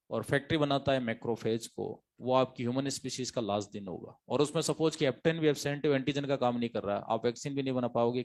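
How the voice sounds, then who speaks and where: A man's voice: medium pitch, a little mellow. A man teaching biology to exam students, an emphatic lecturer who repeats key phrases and quizzes his class.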